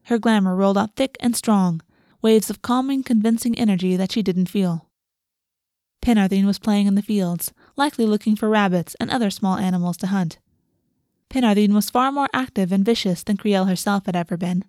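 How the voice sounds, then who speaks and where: A woman's voice: medium pitch, brisk, a little mellow, no echo, studio quality. A woman reading scripted fantasy fiction as an audiobook narrator.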